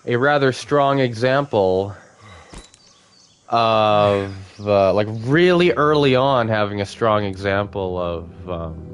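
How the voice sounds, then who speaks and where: A man's voice: lowish voice, takes it slowly, clear, resonant tone. A man giving casual, rambling gameplay commentary as a let's play host, full of fillers and easy laughs.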